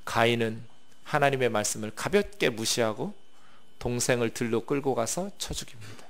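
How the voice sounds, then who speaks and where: A man's voice: medium pitch, moderate pace. A male pastor preaching a Sunday sermon in a plain-spoken, conversational way, asking his congregation rhetorical questions.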